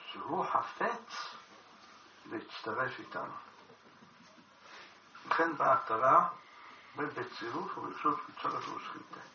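Guy teaching torah, asks rhetorical questions, gravelly, echoey room and a bit of hiss. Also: mid-range voice. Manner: expounds a text, posing rhetorical questions. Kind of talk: Torah study lecture. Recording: echoey room, distant dull mic.

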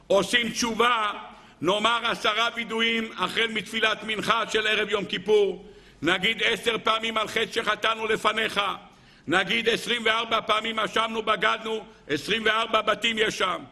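A man delivers a sermon to a gathered audience, his voice gravelly and edged with fry. He keeps asking the listeners rhetorical questions and acts out short everyday dialogues. His tone is bright and sharp. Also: sits high, little pitch movement. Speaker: religious lecturer.

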